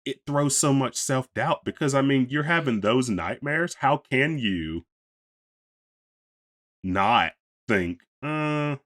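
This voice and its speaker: A man co-hosting a podcast, talking casually in a halting way and repeating phrases to make his point. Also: medium pitch, lively intonation, a bit bright. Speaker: podcast co-host. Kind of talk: casual discussion of an animated series.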